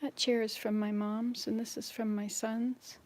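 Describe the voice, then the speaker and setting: A woman's voice: on the high side, little pitch movement, a little slow, darkish tone. A woman in her sixties chatting casually to viewers while she cleans her house, rambling from one chore to the next. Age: 60s. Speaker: vlogger. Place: home indoors.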